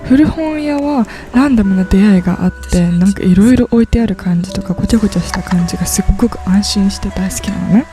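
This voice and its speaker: Young woman, 20s, casual upbeat vlogger, mid pitch, over background music. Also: fast talker, hardly any pauses, warm tone. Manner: chatty, upbeat, gushing about things she loves. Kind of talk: casual vlog chat and voice-over.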